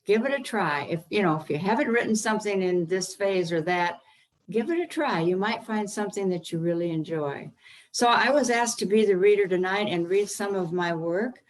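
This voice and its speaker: A woman author reading her own children's story aloud over a video call, unhurried with the odd um. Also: mid-range voice, expressive, rough recording. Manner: unhurried reading with occasional ums.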